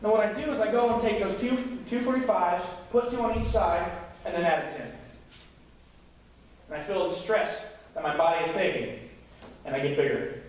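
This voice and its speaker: In a church sanctuary, a young youth pastor with a high-pitched voice delivers a chatty, joking sermon at normal speed, acting out the voices of people he quotes. The echoey room is recorded from a distance.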